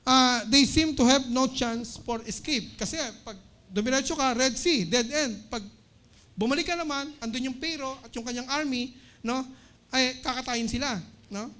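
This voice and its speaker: A woman with a Filipino accent delivers a church sermon in a high, bright register. She mixes Tagalog and English freely, caps her phrases with a questioning "no?", and slows down to press each word when she reads out a Bible verse. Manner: Taglish, frequent tag "no?" after phrases. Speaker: preacher. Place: church service.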